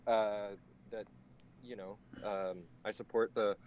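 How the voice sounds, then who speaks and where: A man's voice: lowish voice, fairly even intonation, slow pace, muffled recording, slight background noise. Young man, mock-serious sarcastic podcaster. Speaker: podcast co-host. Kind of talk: casual podcast chat.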